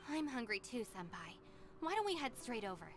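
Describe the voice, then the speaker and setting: Composed, dry, high-ish young deputy. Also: female voice, sing-song, fairly quick, music in the background. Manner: matter-of-fact, restrained. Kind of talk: video game voice acting.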